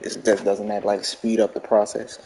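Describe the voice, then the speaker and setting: A man's voice: fairly low pitch, monotone, normal speed, mellow. A man in his twenties giving casual, laid-back let's-play commentary, chatty and full of swearing. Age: 20s. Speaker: gaming video creator.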